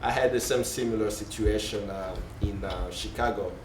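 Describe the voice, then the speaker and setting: Low-voiced man correcting himself on a panel. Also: normal speed. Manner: searching, self-correcting, frequent um and uh. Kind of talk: panel discussion. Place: conference hall panel. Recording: roomy hall, distant mic, faint noise.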